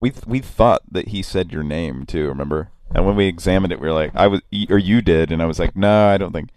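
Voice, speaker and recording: Co-host, thirties, faint Okie accent, deep voice, rambles and laughs, on a video call. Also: male voice, fast talker, a little mellow, no echo, studio quality. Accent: Oklahoma. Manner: laughs often, loose rambling storytelling. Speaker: podcast co-host. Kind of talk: casual chat.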